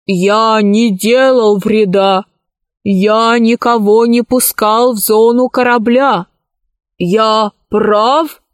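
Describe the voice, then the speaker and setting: A woman reading a children's story aloud, voicing a stubborn, literal-minded ship's service robot in a slow, measured way. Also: fairly high pitch, steady tone, no room sound, clean studio sound.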